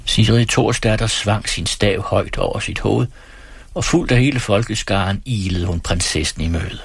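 Low, husky radio storyteller man. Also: dry recording. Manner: calm, measured storytelling. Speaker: radio host reading stories. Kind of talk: reading fiction aloud. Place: radio studio.

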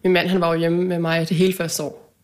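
A woman with a slightly low voice, chatting casually. She speaks frankly and reflectively. Her thoughts come out in loose, trailing phrases. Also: level tone. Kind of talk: casual chat.

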